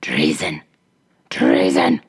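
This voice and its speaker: A woman voicing a huge, tall, stout female ogress in a hoarse, very low whisper. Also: wildly swooping pitch, extremely slow, heavily acted. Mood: enraged.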